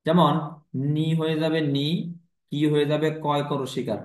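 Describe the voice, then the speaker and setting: Male teacher, patient step-by-step explainer, slightly high pitch. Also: fairly even intonation, echoey room. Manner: patient, repeats each step slowly. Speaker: language teacher. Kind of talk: explanatory lesson.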